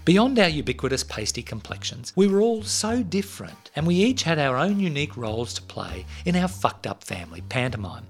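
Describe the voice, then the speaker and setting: Creaky, expressive woman podcast host. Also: low voice, a little fast, few pauses, faint music behind. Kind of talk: scripted storytelling narration and interview.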